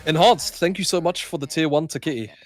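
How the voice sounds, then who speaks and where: A man's voice: a little high, fast talker, soft background music. A man, co-hosting a livestream and chatting casually with viewers. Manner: chatty, swearing, laughs often. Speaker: stream co-caster.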